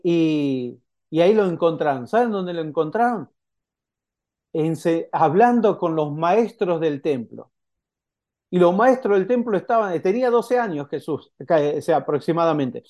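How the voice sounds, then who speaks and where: Mellow-voiced male preacher, conversational. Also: high voice. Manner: conversational, asks the congregation rhetorical questions; halting, with frequent restarts. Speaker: pastor. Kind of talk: sermon.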